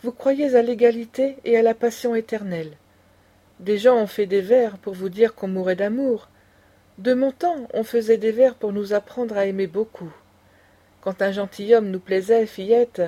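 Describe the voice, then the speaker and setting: A woman's voice: a little high, moderate pace, warm tone, highs cut off, lightly acted. A woman voicing an indignant aristocratic old grandmother who lectures with passion. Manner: impassioned, lecturing.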